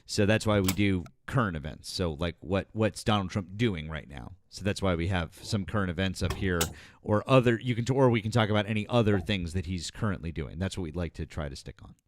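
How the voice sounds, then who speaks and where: A man in his forties with a deep voice hosts a live political stream, speaking briskly. He presses a caller with pointed questions, asking them again and again.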